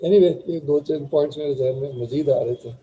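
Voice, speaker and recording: A man leading a study circle discussion in a measured, formal way, often clearing his throat. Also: fairly high pitch, mellow, poor audio. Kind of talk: discussion moderating.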